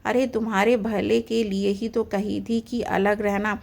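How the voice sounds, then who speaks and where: A woman's voice: medium pitch, level tone, unhurried, creaky. A woman voicing a strict, traditional middle-aged mother-in-law in a spoken story. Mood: huffy. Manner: scolding, loud.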